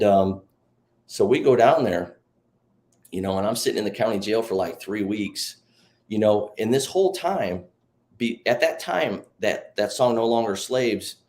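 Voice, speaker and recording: Low-voiced man telling his testimony. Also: darkish tone. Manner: rambling, many restarts and "you know"s. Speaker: guest telling his life story. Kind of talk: emotional testimony in a faith interview.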